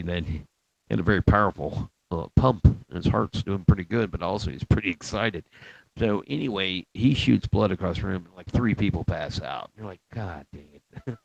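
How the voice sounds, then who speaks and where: A man's voice: sits low, creaky, no room sound. A middle-aged man, a Marine veteran, telling a rambling story in casual, profane talk with frequent chuckles. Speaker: Marine veteran recounting boot camp. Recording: dull lo-fi, dry.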